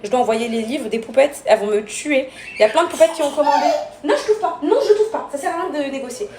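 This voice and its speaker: A fast-talking mom with a high voice records a casual vlog inside her home as a family vlogger. She chats to the camera, switching between cooing at her kids and confiding in viewers, in an echoey room with heavy background noise.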